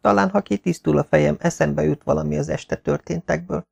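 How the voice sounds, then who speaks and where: A young noblewoman in an audiobook, miserable after a heavy night, speaking weakly and in a hush. A man reads her in a lifted voice. The voice stays gravelly and dark underneath. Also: on the high side, voice pushed up, full character voice. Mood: dismayed. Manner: weak, hushed speech. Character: bold young Saxon noblewoman, hungover and miserable.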